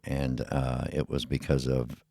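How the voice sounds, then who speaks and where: A man hosting his own podcast in a casual solo monologue, with a rumbly voice and a mumbly, rambling way of talking. He speaks into a heavy dynamic podcast mic with an equalizer filter on it. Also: monotone, a little slow, vocal fry, mellow, no room sound, studio quality. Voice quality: rumbly, low voice. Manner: mumbly, rambling, with many fillers. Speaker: podcast host. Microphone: heavy dynamic podcast mic on a boom arm.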